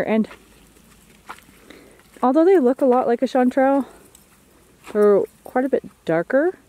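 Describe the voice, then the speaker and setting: A woman's voice: mid-range voice, warm tone. A woman chatting casually on a woodland hike, explaining things as she thinks aloud. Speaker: vlogger. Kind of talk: casual outdoor vlog chat. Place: outdoors in the woods.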